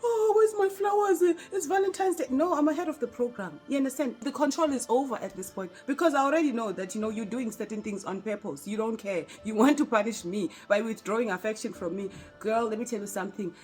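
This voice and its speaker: A woman's voice: fairly high pitch, fast talker, few pauses, darkish tone. South African woman, storytime vlogger, chatty and direct with viewers, laughs often, faint music under. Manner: chatty, talks straight to viewers with frequent laughs. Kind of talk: casual storytime vlog.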